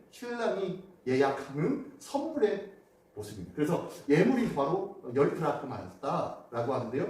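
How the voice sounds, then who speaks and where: Animated pastor preaching in an echoey church. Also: male voice, a little high. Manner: animated, asks the congregation questions. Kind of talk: sermon. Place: church sanctuary. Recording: echoey church hall, mic off at a distance.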